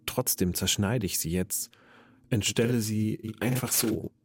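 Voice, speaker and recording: Low gravelly guy talking real slow, repeating lines, artsy sound piece with a bit of music under it. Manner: slow, repetitive, deliberate phrasing. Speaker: voice artist. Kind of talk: experimental spoken sound piece.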